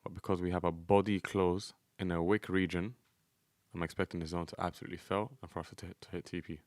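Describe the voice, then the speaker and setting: Very deep-voiced man, dry close sound. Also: flat delivery, fast talker, no echo. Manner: slangy, addressing viewers as guys. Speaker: day trading streamer and teacher. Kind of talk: casual live trading commentary.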